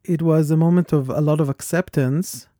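A man with a foreign accent co-hosting a podcast, talking in an earnest and reflective way that turns animated when he tells a story. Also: fairly high pitch, normal speed, no echo, clean studio sound. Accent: foreign accent, origin unstated. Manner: earnest, thoughtful, animated when telling stories. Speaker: podcast co-host. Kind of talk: reflective conversation.

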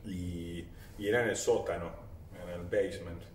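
A man in his forties, a native Spanish speaker with an Argentine accent, talks as a guest in a casual interview that mixes languages. His low, darkish voice is steady and unhurried as he haltingly searches for words and switches languages. The recording has a roomy echo, a distant mic and faint noise.

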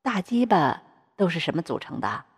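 有声小说里一个粗鲁跋扈的中年男行长，由一位女性朗读者演绎。声音偏低、起伏很大，嗓音沙哑带气声，整体笼罩在长长的大厅混响里。. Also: female voice, on the low side, big pitch swings, moderate pace, husky, long reverb tail, exaggerated voice. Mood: mocking. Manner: vulgar, bossy, swaggering. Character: crude, coarse-mouthed middle-aged male bank official.

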